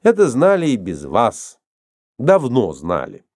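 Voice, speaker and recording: A man reading a storybook, voicing a cool, sceptical older expert who speaks calmly and drily. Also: medium pitch, no room sound, full character voice. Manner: calm, dry, measured.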